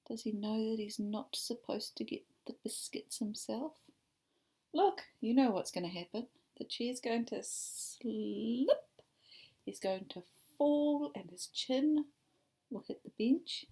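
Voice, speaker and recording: A woman's voice: a little high, slow, breathy edge. A woman, an ESOL teacher reading a picture book aloud and asking her students questions about it. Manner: warm questioning, asks the class about the pictures.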